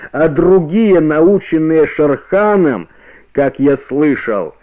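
A man's voice: medium pitch, voice pushed up. A man as Akela, the proud old wolf leader. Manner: measured, dignified, rising to solemn force. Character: aging male wolf leader, proud and stern. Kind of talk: radio play reading. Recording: narrow-band old radio recording.

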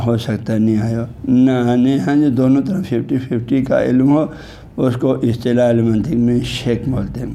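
A man, a religious scholar, lecturing patiently and explaining step by step. He often checks in with his listeners and slowly recites Arabic scripture and technical terms. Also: medium pitch, dark tone.

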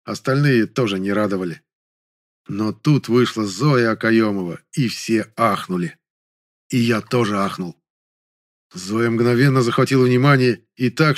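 A man narrating a novel in the first person, measured and wry. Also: medium pitch. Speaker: audiobook narrator.

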